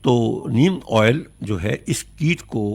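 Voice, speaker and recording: A man's voice: mid-range voice, expressive, slow pace, gravelly, darkish tone, breathy edge. A North Indian man giving courteous, instructive advice as an expert on a phone-in, repeating key points. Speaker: agriculture expert.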